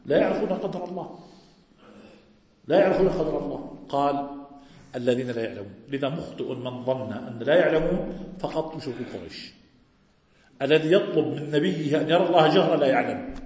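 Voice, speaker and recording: Male preacher, slightly high voice, poses rhetorical questions and answers them, reverberant hall. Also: a little mellow. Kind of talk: religious lesson. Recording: echoey hall with long reverb.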